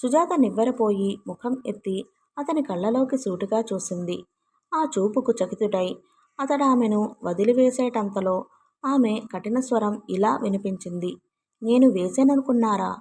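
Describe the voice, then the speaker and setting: A woman narrating a novel in an even, slow storytelling manner. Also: mid-range voice, slight background noise.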